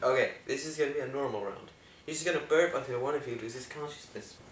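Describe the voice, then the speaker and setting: A man's voice: mid-range voice, fast, lightly acted. A man acting in an amateur comedy sketch as a casual contest judge. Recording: roomy echo, loud music behind.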